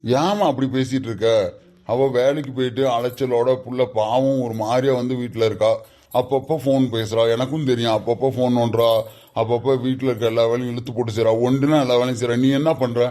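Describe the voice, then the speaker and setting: A man playing a patient son and husband who calmly reasons with his mother in a comedy skit, with a Kanyakumari Tamil accent. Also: mid-range voice, fast, close to an everyday voice. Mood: reasoning. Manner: calm, reasoning.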